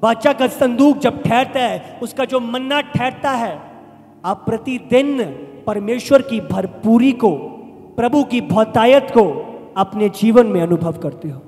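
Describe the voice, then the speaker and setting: A male pastor preaching a sermon emphatically, his voice swelling loud on key phrases. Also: very high-pitched, unhurried, big-room sound.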